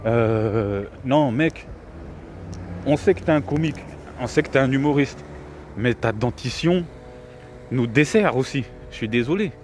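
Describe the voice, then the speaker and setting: Here a middle-aged man with a cold, working as a video commentator, offers rambling, scornful reaction commentary full of repeated words. His medium-pitched, darkish voice is animated but a little slow, broken by long pauses, against slight background noise.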